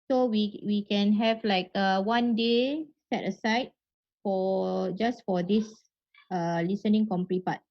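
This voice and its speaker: A woman's voice: mid-range voice, fairly even intonation, slow. Malaysian woman teacher speaking colloquial slangy English. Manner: colloquial Malaysian slang with tag words like lah and ah. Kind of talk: casual online class talk in colloquial Malaysian English. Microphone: online call. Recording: muffled, noisy online call audio.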